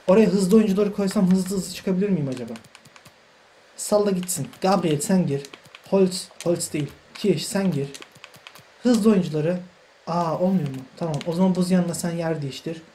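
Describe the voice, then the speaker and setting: A man's voice: sits high, moderate pace, warm tone, slight background noise. Frustrated young man narrating a football game. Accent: Turkish. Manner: exasperated, talks to players on screen, swears by God, repeats himself. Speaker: gaming channel host. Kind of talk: live gameplay commentary.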